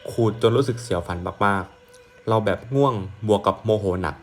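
Low-voiced man narrating a ghost story. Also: moderate pace, slight background noise. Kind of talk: reading a ghost story aloud.

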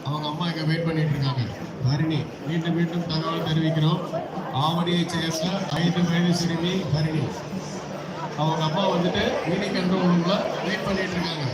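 A man making formal, repeated announcements at a temple festival through an outdoor loudspeaker. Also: fairly high pitch, flat delivery, fairly quick, very noisy. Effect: outdoor loudspeaker public address. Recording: echoey loudspeaker sound heard from a distance over a loud crowd.

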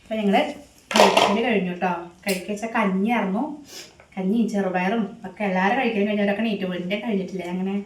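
A woman's voice: steady tone, fast talker. Middle-aged woman, casual village vlogger, chatty; distant phone mic in a roomy kitchen, faint hiss. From Kerala, India. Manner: chatty, talks to pets in a high coaxing voice, often tags "kētto". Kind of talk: casual home vlog narration. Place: home kitchen.

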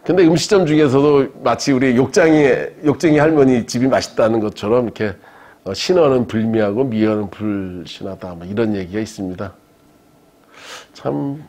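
Husky-voiced man giving a joking lecture. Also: medium pitch, brisk. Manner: lively, joking storyteller who laughs along with his own anecdotes. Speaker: philosophy professor lecturing. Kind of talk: university-style public lecture. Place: lecture room with a live audience.

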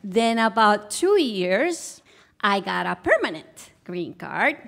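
Telling a personal story to a live audience, this guest on a stage show is a woman from Guatemala with a Guatemalan Spanish accent. Her mid-range voice swings widely in pitch, moves slowly, and sounds creaky and fairly bright.

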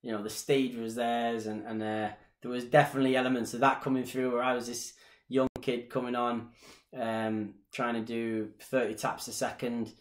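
His voice is medium in pitch with little pitch movement, delivered at normal speed: a Mancunian Irish dance instructor in his thirties chatting with viewers on a live stream. He answers their questions from a small indoor living room, talkative and gesturing a lot. The desk-distance webcam gives roomy home audio.

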